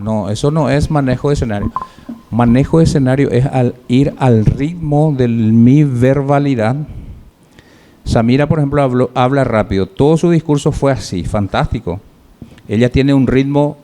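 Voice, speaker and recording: A man's voice: medium pitch, mellow, a little hiss or hum. Man giving a classroom speaking lesson. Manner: measured, lists points with pauses and rhetorical questions. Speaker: public speaking teacher. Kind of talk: classroom feedback lecture.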